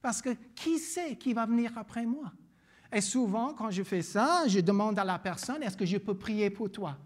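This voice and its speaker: A man from Louisiana with an American accent, a pastor whose first language is English, preaching earnestly, repeating words and pausing with fillers. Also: high voice, lively intonation. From Louisiana, United States. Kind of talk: sermon with personal story.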